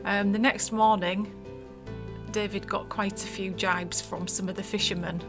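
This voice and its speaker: A woman's voice: mid-range voice, steady tone, a little slow, over music. A woman who runs a harbour shop, telling chatty anecdotes with light laughs. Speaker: shop owner. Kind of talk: casual anecdote interview.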